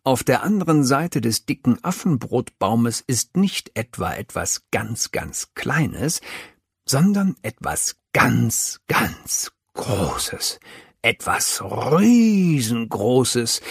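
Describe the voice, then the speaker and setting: A man narrating a children's audiobook, telling the story slowly and with life. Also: mid-range voice, creaky, husky, dry recording, clean studio sound. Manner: slow, lively storytelling.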